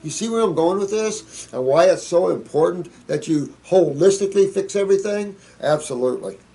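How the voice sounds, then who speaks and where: Gravelly folksy man giving advice. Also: high voice, expressive, a little fast, warm tone. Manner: folksy, rambling, preachy advice. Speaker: host answering viewer questions. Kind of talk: casual monologue answering read-out questions.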